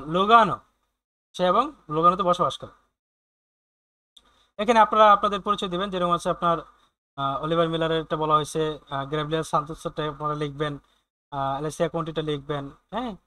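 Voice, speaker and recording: A man's voice: a little high, bright, forceful tone, dry recording. A man teaching a German coursebook lesson, translating phrases with frequent hesitant fillers and repetitions. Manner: hesitant, many "ah" fillers, repeats words while translating. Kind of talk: explaining a German coursebook in Bengali.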